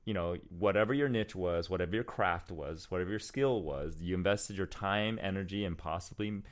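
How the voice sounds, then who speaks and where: Man, interview host, low voice, rambling explanations, frequent restarts. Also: normal speed. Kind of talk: casual interview.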